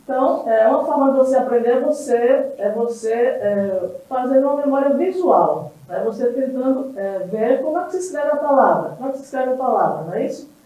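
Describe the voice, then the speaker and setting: A woman from Brazil teaching a televised English lesson, slow and patient, pausing often to check that the class follows and repeating key words. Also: high voice, lively intonation, mellow. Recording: roomy, distant, dull sound.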